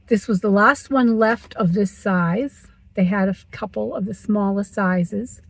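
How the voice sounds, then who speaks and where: A woman's voice: medium pitch, measured pace, vocal fry, dry recording, rough recording. A woman in her sixties vlogging from her parked car, chatty and teasing herself as she talks. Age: 60s. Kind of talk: casual chatty vlog.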